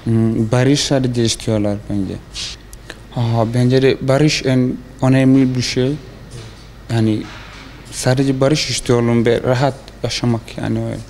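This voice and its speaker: A young man from South Sudan with a South Sudanese accent gives interview answers haltingly, in the broken Turkish of a non-native learner. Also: mid-range voice, steady tone, a little mellow, a little hiss or hum. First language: not Turkish. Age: young adult. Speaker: foreign student being interviewed.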